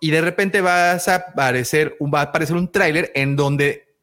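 A man's voice: on the high side, normal speed, a bit bright. A man with a Mexican accent co-hosting a podcast, playful and teasing in casual slang. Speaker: podcast co-host. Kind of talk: casual chat.

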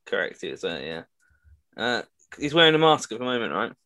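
A man's voice: mid-range voice, big pitch swings, fairly quick, sharp tone. A man co-hosting a casual podcast, telling easygoing anecdotes and laughing a lot. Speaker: podcast co-host.

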